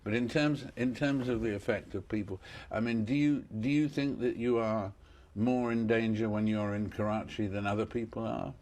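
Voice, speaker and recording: Speaking at a moderate pace in a fairly low, darkish, steady voice, a male interviewer introduces his guest on air. His questions run long, and he hesitates, circling back over words while framing them.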